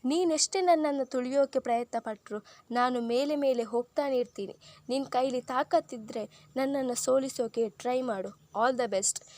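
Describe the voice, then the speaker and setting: A cocky young businessman from an audio story, mocking and contemptuous toward his rival, as a woman narrator puts him on. The voice stays high in pitch and is delivered with sneering confidence. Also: normal speed, darkish tone, no room sound, lightly acted. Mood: defiant. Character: arrogant defiant young businessman, taunting rival.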